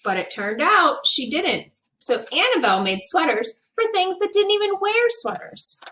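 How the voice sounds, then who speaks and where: A woman reading a picture book aloud as a teacher would, expressive and emphatic for young children. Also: extremely high pitch, moderate pace, rough recording.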